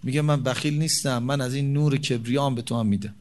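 A man preaching a sermon, reciting Arabic sayings slowly and explaining them in a conversational tone, swinging between loud emphatic peaks and soft low asides. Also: steady tone. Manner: quotes Arabic hadith slowly, then explains in colloquial Persian. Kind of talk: religious sermon.

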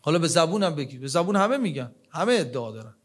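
Impassioned preacher, man, sermon. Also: very animated. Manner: dramatic swings between loud emphatic questions and low hushed lines; quotes Arabic verses and prayers. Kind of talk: religious sermon.

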